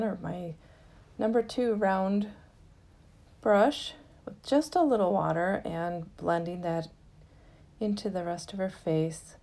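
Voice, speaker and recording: A woman with a fairly low pitch hosts a craft lesson, giving tutorial narration that is casual, unhurried, and gently explanatory.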